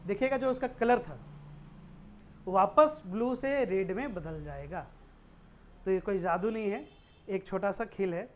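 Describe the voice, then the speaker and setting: At a measured pace with long pauses, a woman with a medium-pitched voice teaches a classroom-style chemistry lesson, answering her own rhetorical questions and using English technical terms.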